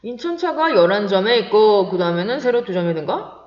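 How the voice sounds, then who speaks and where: A woman voicing a hurried, anxious young male student who mutters impatiently. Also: mid-range voice, very animated, darkish tone, echoey room, big-room sound, lo-fi sound, close to an everyday voice.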